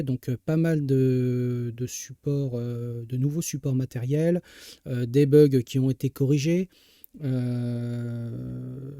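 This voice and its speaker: Male live-stream host, deep-toned and dry, relaxed hesitant delivery with lots of fillers. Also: dry recording. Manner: hesitant, heavy filler sounds, restarts; reads and greets viewer chat. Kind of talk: casual tech news chat.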